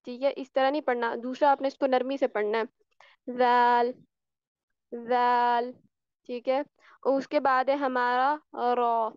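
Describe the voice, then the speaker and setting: A woman with a high, smooth, clear voice teaches a recitation lesson over an online class. She demonstrates each sound by repeating it and keeps checking that her students follow. The audio is dry and a little dull, like a call mic. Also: steady tone, normal speed, no echo. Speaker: tajweed teacher.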